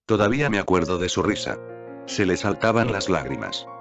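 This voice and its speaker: A man reading a spiritual text aloud in a calm, measured voice-over. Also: sits low, gravelly. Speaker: narrator. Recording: dull lo-fi voice-over with faint music.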